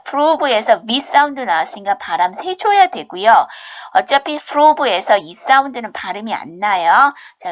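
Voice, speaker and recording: A woman teaching an English lesson, explaining step by step, asking and answering her own questions, and reading example sentences slowly and with exaggeration. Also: on the high side, lo-fi sound. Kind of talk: recorded online English lesson.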